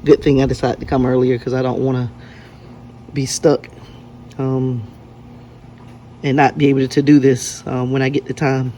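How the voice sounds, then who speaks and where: A man with a mid-pitched voice narrates a do-it-yourself car repair. He is casual and plain-spoken, going through the work step by step, and there is clear workshop noise behind him. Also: little pitch movement, moderate pace, pauses often, dark tone. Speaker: DIY car repair vlogger. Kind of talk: casual hands-on narration to camera. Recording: noisy workshop with vehicle-like background noise.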